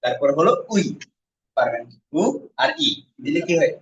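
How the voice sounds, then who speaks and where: A man with a somewhat high voice teaching a classroom lesson and sounding out syllables one by one so the students can repeat them. He is recorded from across an echoey room, and the sound is muffled. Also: expressive, moderate pace, far from the mic. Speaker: Korean language teacher.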